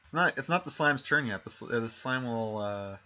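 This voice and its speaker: Animated and a little fast, a man game-masters a tabletop game over stream in a bright, forceful, mid-range voice. A dull lo-fi mic picks up his rambling, self-correcting narration with its fillers and restarts.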